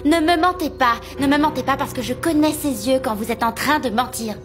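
Dubbing: woman playing a confrontational young woman, higher voice, music behind. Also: a little fast, lightly acted. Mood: insistent. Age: young adult. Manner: insistent, confrontational. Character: young woman raised in an orphanage, insistent. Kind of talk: French-dubbed telenovela.

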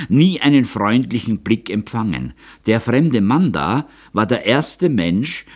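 A man voicing a calm, thoughtful male painter who speaks reflectively. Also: on the low side, full character voice.

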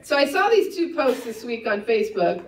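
Animated woman pastor preaching in an echoey church. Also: fairly high pitch, far from the mic. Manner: conversational, teasing asides with quick laughs. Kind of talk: sermon. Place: church sanctuary. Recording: echoey church room, voice a bit off-mic.

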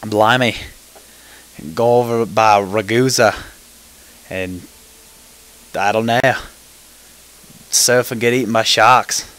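A man's voice: on the low side, steady tone, takes it slowly, pauses often, fairly bright tone, clear, resonant tone. A man doing a clumsy fake Australian accent for a joke while commenting on a video game. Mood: goofy. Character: mock Australian bloke, loud and goofy.

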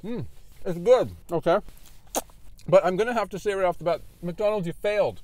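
A man chatting casually while reviewing fast food in his car, animated and laughing often. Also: high voice, a little hiss or hum. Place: in a parked car.

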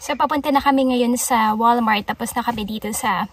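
A Filipina woman in her thirties vlogs casually into a phone held at arm's length, her voice fairly high and quick with a little hiss or hum behind it. She chats in Tagalog sprinkled with English, leaning on "so" and lots of "um"s. The setting moves from a snowy yard outdoors to the back seat of a car, then into a big store.

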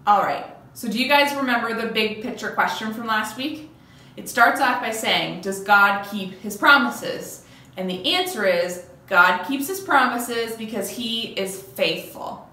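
A woman's voice: fairly high pitch, a little slow, sharp tone, far from the mic. Upbeat woman leading kids from across an echoey room. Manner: upbeat, coaxing call-and-response. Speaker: children's ministry leader. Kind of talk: leading a kids' lesson.

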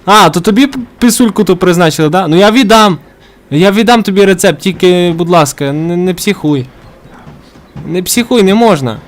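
A man's voice: high-pitched, normal speed. A man commentating a horror game as he plays, jumpy and swearing constantly, yelping when startled. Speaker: gamer playing a horror game. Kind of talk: let's play commentary.

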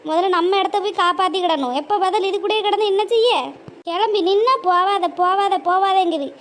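A woman voicing a scheming, impatient grown daughter, scolding in a sharp, nagging way. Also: very high voice, fairly quick, a little hiss or hum. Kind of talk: cartoon voice acting.

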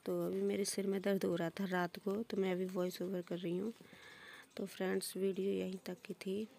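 A woman's voice: medium pitch, level tone, normal speed, vocal fry, dark tone. A woman chatting through a homely voice-over for her family vlog, recorded at home. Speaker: vlogger.

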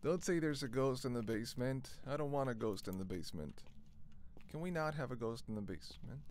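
A man's voice: medium pitch, expressive, a little fast, darkish tone, a little hiss or hum. A young man streaming a horror game live, jumpy and swearing, laughing at his own fright.

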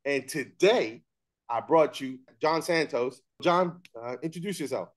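A middle-aged male host on a webcam call, his voice sitting a little higher than most men's. He asks questions in a friendly, chatty way and shares his own stories. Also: unhurried. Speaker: show host. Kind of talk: video call interview. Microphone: webcam on video call.

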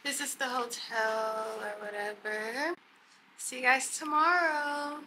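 A young adult woman, a travel vlogger, talks casually to camera from her hotel room and balcony at night, outdoors by a city street, filming on a phone held at arm's length. She is chatty and animated, with a high voice, speaks slowly, and there is background noise.

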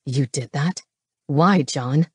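A woman doing a deep, growling dragon man. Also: normal speed, a little mellow, dry recording, close to an everyday voice. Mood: grim. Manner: low, growling. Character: young male dragon shifter, protective and grim. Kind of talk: audiobook character voice.

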